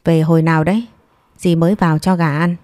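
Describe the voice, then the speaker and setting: A woman's voice: low voice, steady tone, fast, a little mellow, no room sound, close to an everyday voice. A woman voicing a kindly, plain-spoken middle-aged aunt who talks in a homely, sympathetic way.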